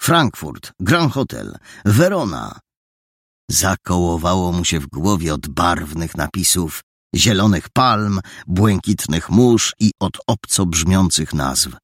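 A man narrating a story aloud in an expressive reading style. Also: deep voice, takes it slowly, breathy edge, no echo, clean studio sound. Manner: expressive reading with many character voices. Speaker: audiobook narrator.

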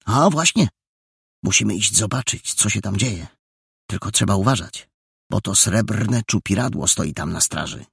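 A man voicing an excitable, bossy young girl detective in a storybook, with emphatic, impatient delivery. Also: lowish voice, moderate pace, vocal fry, husky, no room sound, studio quality, voice pushed up, heavily acted. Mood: hushed, urgent. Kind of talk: audiobook character voice.

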